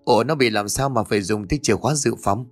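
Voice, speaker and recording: A man's voice: on the low side, fast talker, soft background music, lightly acted. A man doing a flustered helpful uncle. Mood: hurried.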